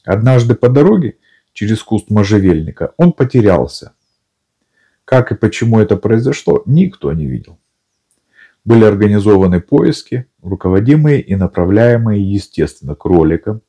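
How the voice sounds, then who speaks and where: Low, husky male audiobook narrator. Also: moderate pace. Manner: calm, even storytelling. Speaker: audiobook reader.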